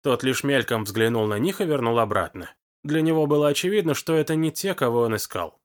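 A man's voice: mid-range voice, fairly quick. A man narrating an audiobook expressively. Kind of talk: audiobook reading of science fiction.

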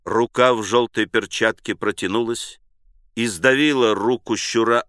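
A man narrating a novel with expressive, dramatic delivery. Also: mid-range voice, measured pace, no room sound, clean studio sound. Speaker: audiobook reader. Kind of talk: literary narration.

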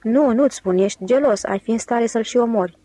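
A woman's voice: fairly high pitch, mellow, close to an everyday voice. A woman voicing a sweet, teasing young woman in an audiobook, lifting her voice for the part. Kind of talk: audiobook character reading.

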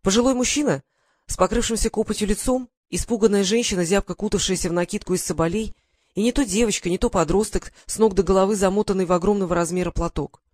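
A man reading a first-person adventure story aloud in steady storytelling style with dramatic lifts. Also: high-pitched, fast, no echo, clean studio sound. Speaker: audiobook narrator. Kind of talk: scripted first-person narration.

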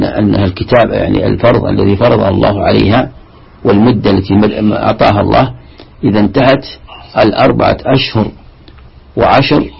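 A man teaching a classical Arabic lesson on Quran commentary, halting and repeating himself as he explains. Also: on the low side, gravelly, slightly rough, dull audio.

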